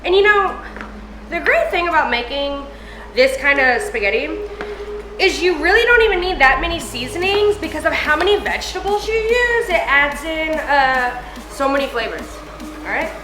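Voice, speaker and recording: High voiced lady doing a rambly casual cooking vid in an echoey kitchen, music going behind her. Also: sing-song, moderate pace. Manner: informal, rambling, swears casually. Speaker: home cooking video host. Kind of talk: casual, chatty cooking tutorial. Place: home kitchen, indoors. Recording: echoey room with background music.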